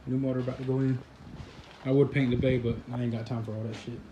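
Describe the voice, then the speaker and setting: A man narrates his car project in a loose, casual way, full of slang and curses. His voice sits at an ordinary pitch. Steady noise runs under the phone-camera recording. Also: quick pace, lo-fi sound. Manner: casual, profane, laid-back slang. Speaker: vlogger, car channel host.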